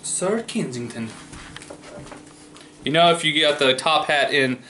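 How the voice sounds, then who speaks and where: A man's voice: a little high, fairly even intonation, fairly quick, pushed and bright. A man, a dad hosting a casual taste-test vlog, joking and reacting playfully as he talks.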